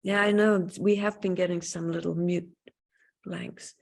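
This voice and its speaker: A woman's voice: fairly low pitch, steady tone, a little slow, gravelly. A woman leading a group session over a video call, speaking unhurriedly and checking in with "yes?", while her call audio cuts out in glitchy dropouts. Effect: call audio cutting out in glitchy dropouts. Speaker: group facilitator. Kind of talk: guided teaching talk on a video call.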